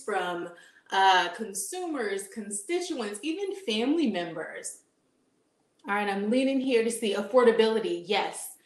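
A woman in her thirties, a dietitian, giving an upbeat live cooking demonstration in a home kitchen and asking her audience questions. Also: medium pitch. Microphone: camera at medium distance. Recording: echoey kitchen room sound.

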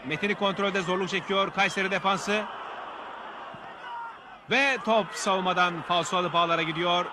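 A man narrating football match highlights as the commentator. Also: fairly even intonation, moderate pace, long pauses. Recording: loud crowd noise behind, noisy outdoor audio. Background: stadium crowd.

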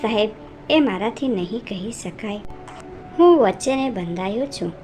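A woman reading the lines of a calm, steadfast young man in a storybook narration, respectful and composed. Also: mid-range voice, unhurried, close to an everyday voice. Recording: narration over music.

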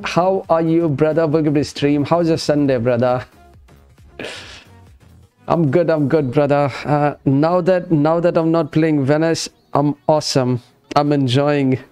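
A man's voice: a little high, a little mellow, smooth. A man, chatting casually as a gaming livestream host, chummy and repeating short phrases. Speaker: live streamer and host. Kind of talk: casual gaming livestream chat, greeting viewers. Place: indoor streaming setup.

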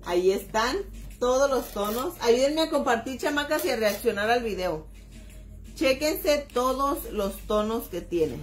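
A woman's voice: fairly high pitch, expressive, measured pace, soft background music. A middle-aged woman from northern Mexico with a Mexican accent, chatting casually on a makeup live stream, exclamatory and chatty. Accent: Mexican (Baja California). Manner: chatty, exclamatory, keeps calling viewers "chiquillas". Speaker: makeup vlogger. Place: home room by her vanity.

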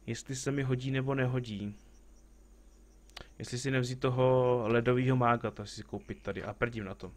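A man's voice: medium pitch, fairly even intonation. Joking man chatting through a game stream. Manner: joking, chatty, talks back to game characters and greets viewers. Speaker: live streamer playing a game. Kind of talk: casual gameplay commentary.

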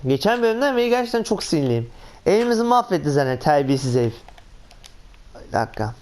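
A man comments on his gameplay, narrating each step and bursting into exclamations. His voice sits a little high and stays smooth and clear. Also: fast talker. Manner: excitable, talks to himself, frequent exclamations. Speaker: gaming channel host.

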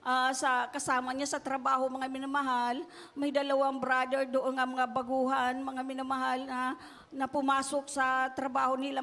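A woman's voice: sits high, fairly bright tone, big-room sound. Fields: Sex: woman. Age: middle-aged. Style: tearful church testimony. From Philippines. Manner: repeats a fond address to the congregation, tearful at times. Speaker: church member giving testimony.

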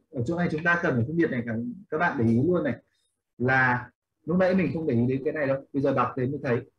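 A man's voice: on the high side, rough recording. A man teaching an English class in Vietnamese, explaining a reading step by step and questioning his students as he goes. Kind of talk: online class instruction.

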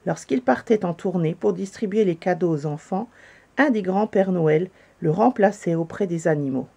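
Woman storyteller, calm children's story reading, mellow voice. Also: fairly low pitch, moderate pace, creaky, breathy edge. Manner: calm, gentle narration.

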